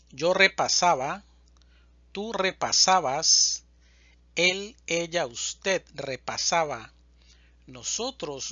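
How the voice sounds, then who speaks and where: A man teaching a slow, deliberate verb conjugation lesson, reading word lists with even spacing. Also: fairly high pitch, breathy edge, dry recording, dull audio. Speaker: Spanish teacher.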